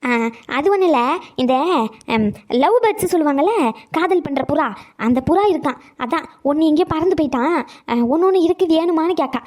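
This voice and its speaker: A chatty, scheming old cartoon grandmother, voiced by a woman,. She scolds and pleads in a high, quick voice and plays up every drama. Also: lively intonation, warm tone. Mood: dramatic. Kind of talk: cartoon comedy acting.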